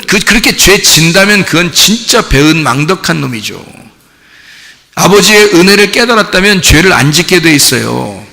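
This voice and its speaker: A man's voice: fairly high pitch, vocal fry, in a large hall. A male pastor preaching a sermon in a church, asking the congregation questions and acting out little scenes. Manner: lively preaching with acted-out dialogue and rhetorical questions. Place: church sanctuary.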